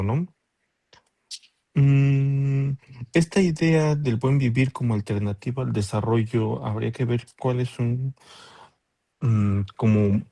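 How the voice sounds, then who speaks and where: A man giving measured academic feedback on a thesis, thinking aloud with frequent fillers, on a video call. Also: medium pitch, gravelly, dark tone. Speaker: thesis committee member.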